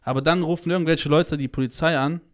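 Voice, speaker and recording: Fast and fairly even in intonation, a slightly high male voice belongs to a podcast guest who works as a child-protection activist. He's blunt and crude in casual conversation, heated and emphatic, swearing and using heavy slang while repeatedly saying "Alter."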